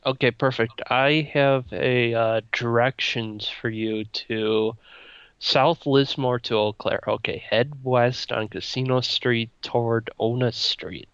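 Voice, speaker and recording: A man's voice: mid-range voice, fairly even intonation, takes it slowly, fairly bright tone, smooth, no room sound. Young guy from wisconsin, lots of uhs, dry muffled call mic. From Wisconsin, United States. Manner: hesitant, many ums and restarts. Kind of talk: casual chat.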